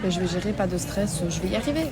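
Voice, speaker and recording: Belgian French teen girl, casual phone travel vlog, chatty, mid-pitched, heavy background traffic noise. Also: expressive, rapid-fire. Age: teens. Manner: chatty, self-mocking, talks straight to camera. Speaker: exchange student vlogger. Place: airports, buses and planes while travelling.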